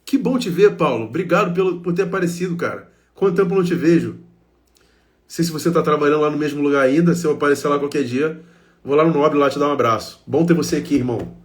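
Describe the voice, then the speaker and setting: A man's voice: fairly high pitch, quick pace. Emphatic Brazilian man addressing an audience. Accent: Brazilian Portuguese. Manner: emphatic, addresses listeners directly with short repeated phrases. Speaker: speaker giving a talk. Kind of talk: emotional self-help talk to an audience.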